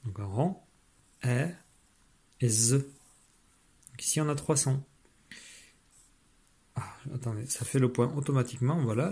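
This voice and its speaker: A man's voice: medium pitch, darkish tone, husky. A man teaching, patiently explaining phonics exercises to parents, with frequent fillers and restarts.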